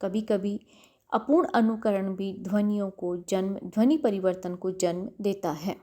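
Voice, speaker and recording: A middle-aged woman lecturing to university students in a calm, measured way. Her voice is mellow and warm, and she repeats words slowly to show how they are pronounced. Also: mid-range voice. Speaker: college lecturer.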